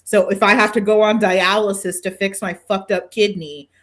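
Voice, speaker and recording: A woman's voice: medium pitch, level tone, normal speed, a bit bright. A woman hosting a podcast in casual chat, swearing freely and poking fun at herself with dramatic exaggeration. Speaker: podcast host.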